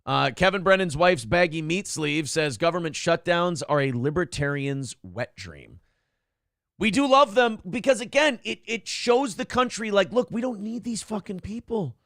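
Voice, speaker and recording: Loosely riffing on politics and reading viewer messages aloud, this brash, foul-mouthed male host has a gravelly, slightly high, somewhat bright voice. His intonation is lively and his pace moderate, captured in a dry, close recording.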